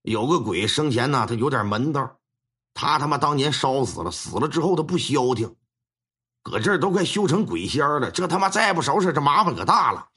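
A man voicing an aging male exorcist master who speaks slowly and heavily, with a sigh in his words. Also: medium pitch, big pitch swings, bright, forceful tone, husky, pitched below the performer's own voice, heavily acted. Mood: weary. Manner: slow, heavy, sighing.

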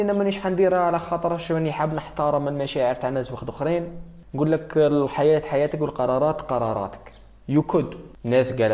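A man with an Algerian accent, a host answering viewer questions in a rambling, animated casual monologue that slips in foreign phrases. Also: medium pitch.

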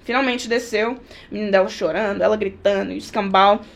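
Brisk and creaky, with medium pitch and fairly even intonation, this rideshare driver shares anecdotes from her trips while chatting casually as a guest. She brings the moments to life by acting them out with sound effects.

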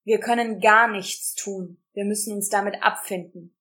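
A woman reading a storybook who voices a gruff, resigned young man with a dry, snorting manner. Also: medium pitch, steady tone, normal speed, a bit bright, natural voice. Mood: grim.

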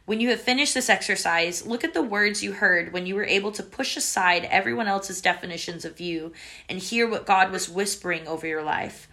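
A woman's voice: medium pitch, fairly quick, sharp tone. A woman hosting a faith book club discussion on a video call, speaking in an encouraging, reflective way. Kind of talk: casual group discussion.

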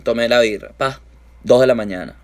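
A man's voice: mid-range voice, a little fast. A man with a Venezuelan accent tells an anecdote in casual chat. His talk is packed with street slang and restarts. He slips into the voices of the people in his story. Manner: lively anecdotes full of slang, acts out quoted voices.

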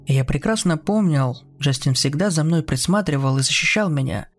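A man narrating a scripted horror story in a measured, dark manner. His voice sits a bit on the higher side for a man. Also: animated, soft background music.

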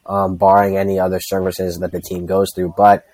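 A man's voice: deep voice, monotone, a little fast, darkish tone, no echo. A man giving casual sports analysis as a podcast panelist, peppering his talk with conversational filler phrases. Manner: hedging, repeatedly says like and you know. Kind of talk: casual baseball analysis chat.

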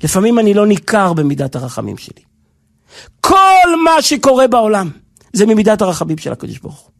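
A man with a strikingly high voice preaches a sermon with fervour. His delivery rises into near-shouts and then drops to a hush. The tone stays earnest and emotional throughout. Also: huge pitch swings, vocal fry. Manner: impassioned, swings between soft and loud. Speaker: rabbi.

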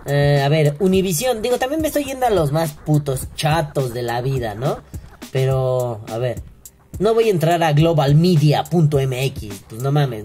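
A vlogger with a Mexican accent reads headlines aloud in a loose, casual way and keeps breaking off for crude, sarcastic jokes. The voice is dark and mellow. Soft music plays quietly underneath. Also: mid-range voice. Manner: profane, sarcastic asides. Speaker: vlogger reading news. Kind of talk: casual news commentary.

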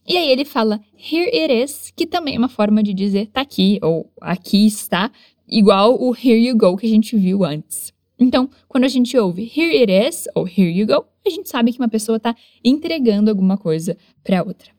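A woman teaching English in a lesson, modeling phrases slowly with exaggerated pronunciation for learners to repeat. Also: on the high side, expressive, a little mellow, no echo, clean studio sound. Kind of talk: language lesson with repeat-after-me drills.

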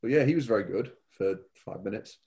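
A man's voice: lowish voice, expressive, a little fast, mellow. A man in a casual film review chat, dry and understated.

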